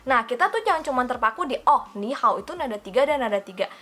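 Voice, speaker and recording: A woman's voice: high-pitched, lively intonation, fast talker, over loud music. A young woman teaching Mandarin in a casual video lesson. She is chatty, calls herself by her own name and keeps asking the viewers rhetorical questions.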